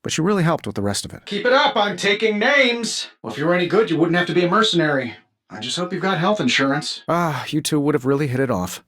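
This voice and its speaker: A man's voice: on the high side, animated, fast talker, fairly bright tone. An American man voicing a cocky, wisecracking genius inventor superhero in a video game, with sardonic, glib banter. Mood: cocky, teasing. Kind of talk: video game voice acting, quippy dialogue.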